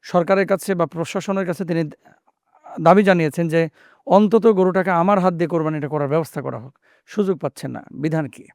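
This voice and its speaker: A man's voice: a little high, a little fast, dry recording, clean studio sound. A man hosting a religious interview, asking questions respectfully and affirming often. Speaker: show host asking questions.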